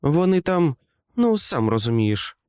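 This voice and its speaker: Man doing young woman, anxious, high pleading voice, breathless, dry close recording. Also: very animated, measured pace, darkish tone, smooth, no echo.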